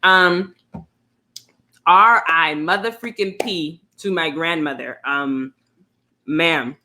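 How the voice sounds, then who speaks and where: Low-voiced chatty woman co-host. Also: slow. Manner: relaxed, chatty, talks with her mouth full. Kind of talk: casual chat.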